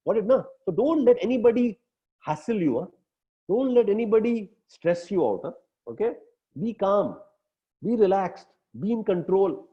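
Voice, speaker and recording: A business coach with an Indian English accent speaks to his team emphatically, often ending with tag questions. His high voice is animated and moves at a moderate pace. The recording is dull and lo-fi.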